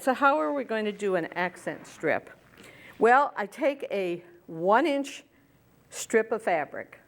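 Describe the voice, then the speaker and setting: Older woman, TV craft host, easygoing step-by-step demo delivery. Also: mid-range voice. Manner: friendly step-by-step explaining, talking while working. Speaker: quilting show host. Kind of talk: hands-on sewing demonstration.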